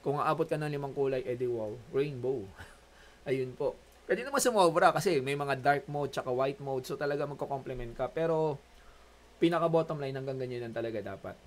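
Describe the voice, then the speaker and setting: Speaking a little fast in a mid-range voice, this Filipino-accented man lectures an online class as a college instructor. His teaching is chatty Taglish full of jokes, moving back and forth between Tagalog and English.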